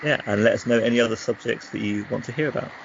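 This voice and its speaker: This podcast co-host has a lowish, creaky voice and talks quickly. He meanders through a relaxed, halting conversation about games. Audio quality is muffled and lo-fi, carrying a little background noise.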